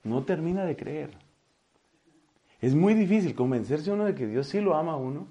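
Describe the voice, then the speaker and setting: A man from Colombia preaching a sermon in an animated, folksy way, repeating key phrases and slipping in humor. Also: on the high side, moderate pace.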